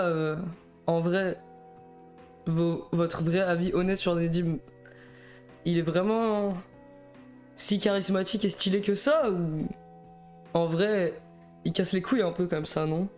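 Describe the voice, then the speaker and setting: A man's voice: high voice, a little slow, long pauses, a little mellow, faint music behind. A young man with a Belgian French accent, chatting nervously and rambling on a live stream, stammering and laughing. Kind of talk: casual live stream chat.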